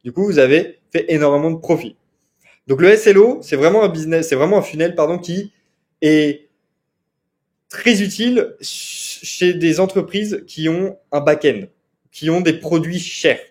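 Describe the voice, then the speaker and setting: A man with a fairly high voice delivers an online course lecture. His explanations are casual and explanatory. He repeats key terms and keeps checking in with his viewers. Fillers and quick self-corrections run through his talk. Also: darkish tone. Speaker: marketing trainer.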